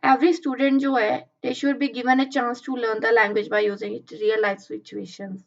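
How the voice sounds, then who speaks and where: A woman teacher giving a lecture, explaining in Hindi and reading English lines slowly and deliberately. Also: sits high. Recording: slightly dull lo-fi audio.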